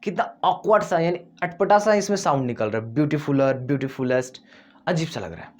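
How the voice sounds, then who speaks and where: A man teaching English grammar, repeating himself, asking and answering his own questions, and stretching words out slowly to show their syllables. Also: fairly high pitch, sing-song. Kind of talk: explaining grammar to students.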